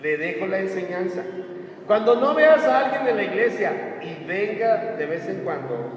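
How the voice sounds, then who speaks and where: A man's voice: sits high, lively intonation, normal speed, lo-fi sound, slight background noise. A man preaching a conversational sermon, acting out voices as he retells stories. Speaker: pastor. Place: church hall. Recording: echoey hall from far off.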